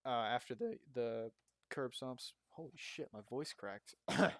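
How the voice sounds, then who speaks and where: A man's voice: mid-range voice, animated, takes it slowly, no room sound, clean studio sound. A young man co-hosting a casual wrestling review podcast, rambling with lots of fillers and cheerful swearing. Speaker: podcast co-host. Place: makeshift home recording spot.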